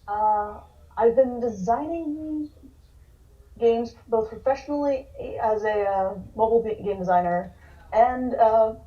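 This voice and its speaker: A woman from California, a game designer, introducing herself hesitantly with many pauses. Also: on the high side. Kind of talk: casual panel self-introduction. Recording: distant, dull lo-fi call audio.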